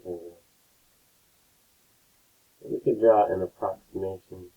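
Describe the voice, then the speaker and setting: A low, gravelly male voice walks students through a painting demonstration in a relaxed, step-by-step way, often tagging his points with a quick question. The sound is a thin, low-quality stream that sounds like it is coming through a phone line. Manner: relaxed, explains step by step, keeps checking in with "right?". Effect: low-quality, tinny stream audio. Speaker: art teacher.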